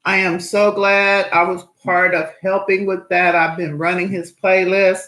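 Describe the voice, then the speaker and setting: A woman's voice: lowish voice, level tone, a little slow, a bit bright, reverberant, low-quality recording. A woman hosting an aquarium channel in casual live-stream chat, cheerful and chatty as she greets viewers.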